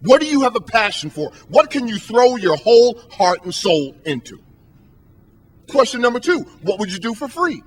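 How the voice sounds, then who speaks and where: Emphatic high-voiced male motivational speaker. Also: big pitch swings, normal speed, slightly rough. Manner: emphatic, rhetorical questions, preacher-like. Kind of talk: motivational speech. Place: stage at a podium.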